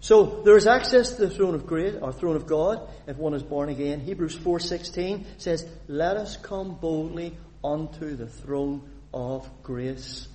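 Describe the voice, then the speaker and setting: In a church hall full of long reverb, a man from Northern Ireland gives a sermon at a measured pace with few pauses. His fairly high voice is lively as he reads scripture and questions the congregation, with slight background noise present.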